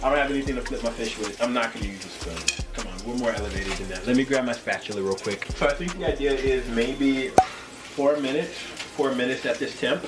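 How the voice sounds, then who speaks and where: A man's voice: mid-range voice, fairly quick. Tipsy man rambling in an echoey kitchen. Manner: tipsy, loose and rambling, losing track mid-sentence. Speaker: home cooking show host. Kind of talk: casual chat to camera while cooking. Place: home kitchen. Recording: roomy echo, distant mic, music behind.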